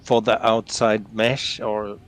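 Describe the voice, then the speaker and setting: A man's voice: on the low side, flat delivery, slow. Easygoing man in voice chat. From Sweden. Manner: friendly, easygoing, adds many small fillers. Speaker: fellow flight-sim pilot on the stream call. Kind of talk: casual voice chat.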